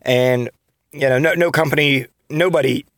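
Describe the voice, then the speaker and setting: A man's voice: medium pitch, normal speed, a bit bright, no room sound, clean studio sound. Frustrated man in his thirties venting. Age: 30s. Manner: frustrated venting with frequent restarts and swearing. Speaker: podcast host. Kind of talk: solo podcast monologue.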